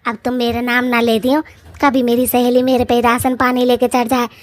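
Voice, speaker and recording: A gossipy middle-aged mother from a cartoon, voiced by a woman. She nags and frets in homely, folksy speech, pitched a bit high and spoken loud. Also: normal speed, lightly acted. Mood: fretful. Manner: nagging, rustic folksy speech.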